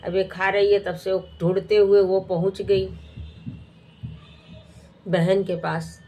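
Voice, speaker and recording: A woman telling a devotional folk tale in an unhurried, repetitive, homely way. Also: mid-range voice, little pitch movement, mellow. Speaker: devotional storyteller.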